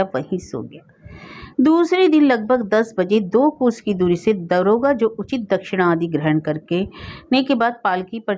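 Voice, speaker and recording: A woman storyteller reading a dramatic classic story, expressive and acting out the dialogue. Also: lowish voice.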